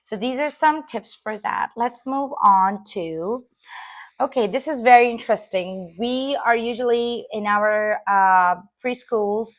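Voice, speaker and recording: A woman's voice: a little high, unhurried, no room sound. Earnest woman teaching about parenting. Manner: earnest, emphatic, acts out parents' phrases. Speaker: early childhood educator. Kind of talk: informal lecture on parenting.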